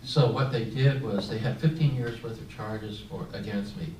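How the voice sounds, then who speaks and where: An older veteran who grew up in San Francisco, United States, tells his own story reflectively on a panel, with frequent fillers and restarts. His voice sits on the low side at a moderate pace. The distant mic makes the recording echoey, with room noise.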